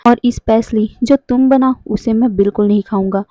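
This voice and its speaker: Casting: woman reading as an aloof, curt young ruler in a storybook; mellow, slightly high voice. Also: steady tone, moderate pace, no echo, close to an everyday voice. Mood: cold. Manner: curt, cold, dismissive.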